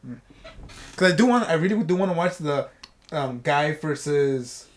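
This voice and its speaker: A young man with a fairly high voice chats casually as host of a commentary track. He rambles and restarts his sentences often, as in easy talk among friends. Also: animated, normal speed. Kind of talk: casual chat.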